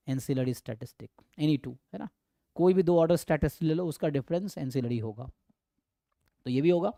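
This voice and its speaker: A man's voice: fairly high pitch, mellow, dry recording. Guy teaching stats, talks through each step, asks "right?" a lot, dry close sound. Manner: explanatory, frequent "है ना" check-ins, mixes English terms. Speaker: statistics teacher. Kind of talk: exam problem walkthrough lecture.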